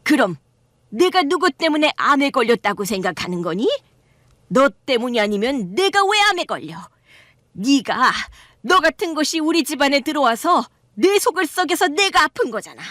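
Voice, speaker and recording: A woman's voice: high-pitched, big pitch swings, normal speed, a bit bright, dry recording, clean studio sound, pitched above the performer's own voice. A woman voicing a spiteful old mother-in-law who screeches accusations in an audio drama story. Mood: screaming. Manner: screeching, hostile scolding.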